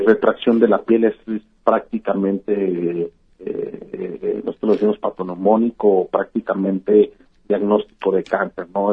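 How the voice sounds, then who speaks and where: A man's voice: lowish voice, breathy edge. A man, a physician explaining things patiently in a radio interview, with many "eh" fillers and "¿verdad?" tags. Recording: tinny phone-like line.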